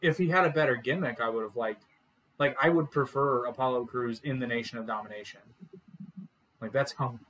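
A man co-hosting a podcast, chatting casually about wrestling in a joking, animated way. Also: medium pitch, fairly quick, a little hiss or hum, poor audio. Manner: joking, animated, laughs often. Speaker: podcast co-host.

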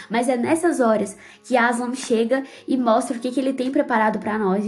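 This podcast host is a woman with a fairly high, slightly mellow voice. Her take on a book is casual but deeply felt and fervent, sprinkled with religious exclamations, making for emotional book commentary.

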